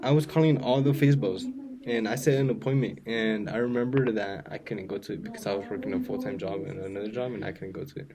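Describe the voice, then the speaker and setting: A man's voice: lowish voice, quick pace, crowd noise. A man in his twenties, a real estate agent co-hosting a podcast, talking casually and full of slang. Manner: laid-back slangy talk, keeps saying "you know what I mean". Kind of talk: casual chat.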